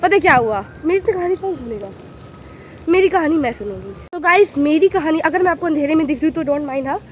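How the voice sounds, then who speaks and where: Young woman, high voice, animated storyteller, phone at arm's length, outdoors at night, faint noise behind. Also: brisk. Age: young adult. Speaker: vlogger. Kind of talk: casual storytelling vlog.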